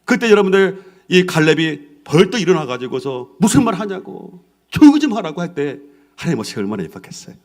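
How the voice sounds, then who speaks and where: A male pastor delivers a Sunday sermon with lively swings of pitch, slipping into the voices of the characters he retells. His voice sits a little high for a man. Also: a little fast. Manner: animated, acts out quoted voices.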